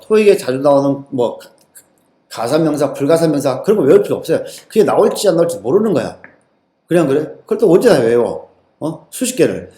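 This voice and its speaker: A TOEIC English teacher gives a lecture-style exam-prep lesson, constantly quizzing his students and echoing their answers back. His voice is a little high, with a dark tone and a roomy sound.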